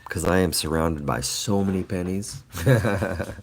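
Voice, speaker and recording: Speaking deep and unhurried, a middle-aged livestream host with allergies that lower his voice rambles through casual chat with his viewers and laughs often. A little hiss or hum sits in the audio.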